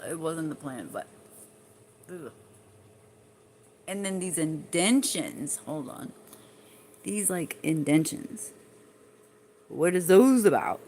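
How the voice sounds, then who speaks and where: A woman's voice: low-pitched, darkish tone, a little hiss or hum. A woman chatting casually on a livestream, rambling and swearing freely as she talks to her viewers and answers their comments.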